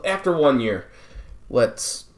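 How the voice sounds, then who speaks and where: Man, mid-pitched voice, sports podcast co-host, agreeable, steers segments. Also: big pitch swings, slow pace, a crowd in the background. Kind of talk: casual sports chat.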